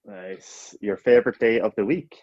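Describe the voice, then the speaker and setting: A man co-hosting a casual podcast, firing off quick questions and cracking jokes with frequent laughs. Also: lowish voice, a little mellow, no echo, dull audio. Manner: jokey, laughs often. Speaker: podcast co-host.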